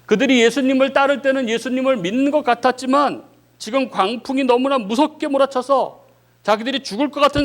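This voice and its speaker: A male pastor preaching a sermon with dramatic swings of voice, often saying "예" between phrases and dropping low and soft at the ends of sentences. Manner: dramatic preaching that acts out the disciples' cries, rising and falling sharply; frequent filler "예" between phrases.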